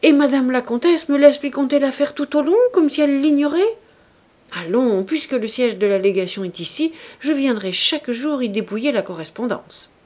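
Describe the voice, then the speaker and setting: A woman's voice: high voice, expressive, normal speed, a little mellow, voice pushed up. A woman reading a novel aloud, giving voice to a courteous but touchy Italian male diplomat in indignant exclamations. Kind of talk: audiobook reading.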